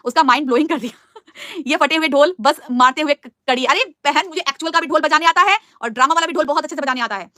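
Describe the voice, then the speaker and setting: A young woman pours out a heated live-stream rant at a breakneck pace. Her voice sits high and sounds sharp and bright. The sound is dry and close, with no room around it. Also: no room sound. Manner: fast, angry and scolding, with much mocking.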